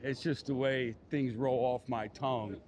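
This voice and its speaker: A man's voice: mid-range voice, steady tone, unhurried, crowd noise. Chatty man with a Philly accent. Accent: Philadelphia. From Philadelphia. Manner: rambling, lots of fillers like "you know". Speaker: live-streaming walking vlogger. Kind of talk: casual live-stream chat while walking. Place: outdoors on a busy city street.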